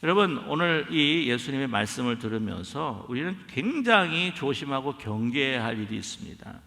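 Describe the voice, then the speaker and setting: A man's voice: medium pitch, sing-song, normal speed, creaky, sharp tone. Emphatic preaching man in a reverberant church. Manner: emphatic preaching, acts out quoted dialogue. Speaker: pastor. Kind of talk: sermon. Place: church sanctuary.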